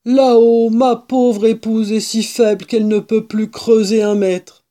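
A woman voicing a panicked, desperate old male badger in a storybook, with loud, drawn-out, anguished outbursts. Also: a little high, little pitch movement, natural voice. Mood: alarmed. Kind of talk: storybook character voice.

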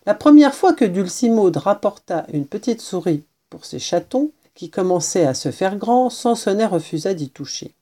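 A woman narrating a children's novel as an audiobook, in a gentle, measured storytelling voice. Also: mid-range voice, very animated.

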